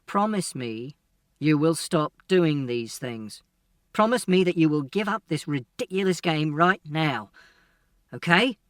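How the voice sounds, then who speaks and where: Narrator puts on an angry dad, commanding and clipped, pitched a bit high, dry and slightly off-mic. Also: male voice, expressive, measured pace, a bit bright, no room sound, distant mic. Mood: stern. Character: stern exasperated father scolding his son.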